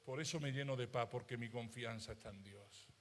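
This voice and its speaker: A man preaching a sermon as pastor, passionate, swinging from loud exclamations to hushed asides. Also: mid-range voice, a little fast. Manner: acts out worried voices of doubters.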